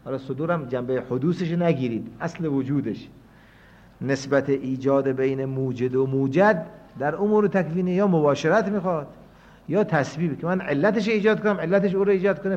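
A man teaching a scholarly lecture, reasoning aloud and moving between quiet stretches and emphatic points. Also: a little high. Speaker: seminary teacher. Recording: dull lo-fi lecture recording.

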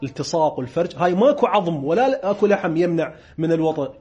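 A man with an Iraqi Arabic accent giving a seminary lecture on religious law, repeating definitions slowly and joking with his students. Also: on the high side, animated, a little mellow, muffled recording.

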